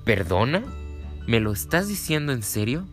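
A man's voice: lowish voice, steady tone, fast talker, a little mellow, soft background music, lightly acted. A man voicing a selfish older horse in a children's story, with a dismissive, annoyed manner. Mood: incredulous.

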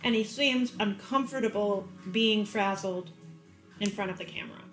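A woman in casual podcast chat, talking in an animated way and often correcting herself as she goes. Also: mid-range voice, moderate pace, roomy sound, soft background music. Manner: chatty, self-correcting, animated. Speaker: podcast guest. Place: dining room table.

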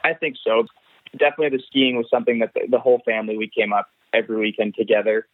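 A man's voice: mid-range voice, level tone, very fast, dry recording. Canadian man on a tinny phone line. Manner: reflective, repeats words while thinking. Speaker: race car driver guest. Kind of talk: phone interview.

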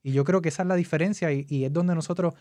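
Guy talking faith, calm and earnest, asks rhetorical questions, middle voice, dry sound. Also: a little high, quick pace, no room sound. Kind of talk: casual faith discussion.

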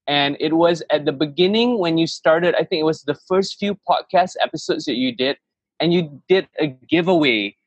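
Here a Malaysian-raised man in his thirties chats casually as a podcast guest, recounting his story enthusiastically but with lots of rambling and restarts. His voice runs on the high side, slightly rough, at a moderate pace, and the audio has no echo.

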